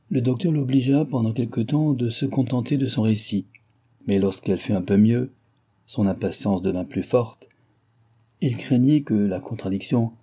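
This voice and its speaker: A man reads a classic novel aloud in a measured, even manner. His voice sits fairly low and sounds very dark and mellow. There is a husky grain throughout. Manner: measured, even literary narration. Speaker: audiobook narrator.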